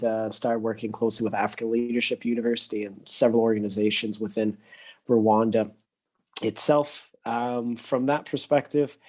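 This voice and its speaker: A man from the United States, a consultant, introducing himself in a relaxed, steady way with many ums. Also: mid-range voice. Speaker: guest consultant. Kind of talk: casual self-introduction.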